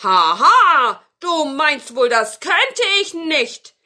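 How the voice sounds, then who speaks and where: A woman reading a wicked storybook wizard who bellows his demands slowly and loudly. Her voice stays bright, with a boastful, threatening drawl. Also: very animated, full character voice. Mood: blustering. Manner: booming, slow and threatening. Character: evil male wizard, blustering and boastful.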